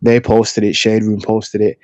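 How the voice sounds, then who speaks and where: A man's voice: fairly low pitch, monotone, unhurried, darkish tone, dry recording. A man, co-hosting a podcast and giving his candid opinions in a casual chat. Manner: candid, chatty, talks through his opinions. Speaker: podcast co-host. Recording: dull, slightly lo-fi dry sound.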